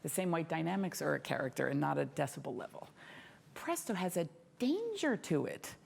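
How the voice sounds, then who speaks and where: A middle-aged woman coaching a young violinist in a masterclass, lively and demonstrative, often laughing and singing rhythms. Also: sits low, brisk, creaky, husky. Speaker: violin teacher giving a masterclass. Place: concert hall stage at a music competition. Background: violin and piano playing faintly.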